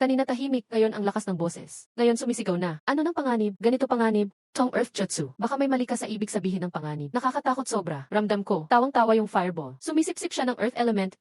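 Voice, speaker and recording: A woman's voice: medium pitch, a little mellow, no echo. A woman reading all the roles of a dubbed short drama in one voice.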